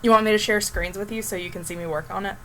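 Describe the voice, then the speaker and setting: A young woman streaming while she chats with a friend, friendly and relaxed as she tells stories. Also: medium pitch, fast talker, poor audio. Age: young adult. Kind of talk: casual chat.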